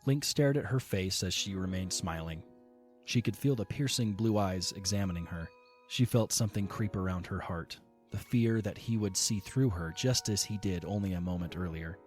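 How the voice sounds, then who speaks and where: In this audio drama's storybook narration, a man with a fairly low voice reads steadily and measuredly. Between the characters' lines he calmly describes the scene, with faint music underneath.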